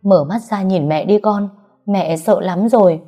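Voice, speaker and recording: A woman's voice: mid-range voice, unhurried, mellow, natural voice. A woman voicing a frightened middle-aged mother who pleads tearfully for her daughter. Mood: pleading. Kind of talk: audiobook character reading.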